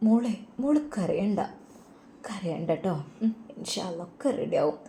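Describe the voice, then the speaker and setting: A woman's voice: fairly low pitch, fairly even intonation, a little fast, a little mellow, a little hiss or hum, natural voice. A woman voicing a caring mother who talks tenderly and soothingly to her son and a young woman in a told story.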